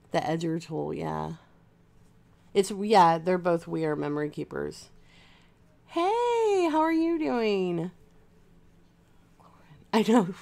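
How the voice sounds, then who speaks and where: A woman's voice: on the low side, a little mellow. A woman livestreaming while she crafts, chatting casually and rambling to her viewers with lots of fillers.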